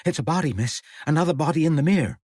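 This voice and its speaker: A bustling young serving girl with a broad Norfolk accent, fussing and motherly, as a male storyteller puts her on. She chatters in a raised, lively voice that swings about. The delivery is husky and dry. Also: on the high side, quick pace, dry recording, pitched above the performer's own voice. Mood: flustered. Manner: fussy, excitable, motherly.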